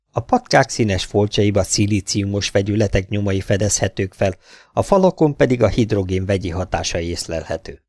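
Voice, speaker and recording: A man narrating an audiobook in an even, unhurried reading voice. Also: lowish voice, no room sound, clean studio sound. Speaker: audiobook reader.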